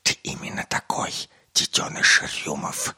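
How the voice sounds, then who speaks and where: A man's voice: measured pace, sharp tone. A man voicing a spiteful, poisonous female centipede in a storybook, speaking in a hissing whisper.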